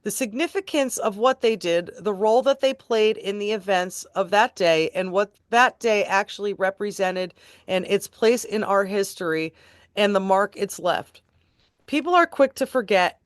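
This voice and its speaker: A woman reading court transcript passages aloud in a steady, deliberate way and adding her own remarks. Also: medium pitch, no echo, clean studio sound. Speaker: tribute band host reading court transcripts.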